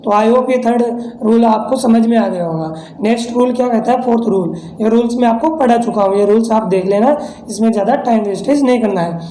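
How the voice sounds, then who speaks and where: A man's voice: extremely high pitch, mellow, roomy sound, a little hiss or hum, low-quality recording. A man from India teaching English pronunciation in a lesson, explaining step by step and answering his own questions. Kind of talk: classroom-style lesson explanation.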